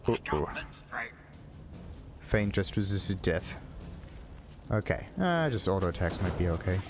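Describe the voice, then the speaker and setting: A man's voice: low-pitched, very animated, unhurried, background noise. A man doing casual let's play commentary, thinking aloud to himself with game music behind him. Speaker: gaming video host. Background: video game music.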